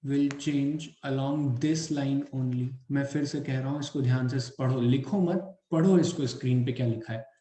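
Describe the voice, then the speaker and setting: A man teaching physics in Hindi and Indian English, slowly dictating points and repeating each phrase so students can write. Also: mid-range voice, fairly even intonation, warm tone, echoey room, poor audio. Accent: Hindi-English mix, Indian English. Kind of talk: dictating lecture notes.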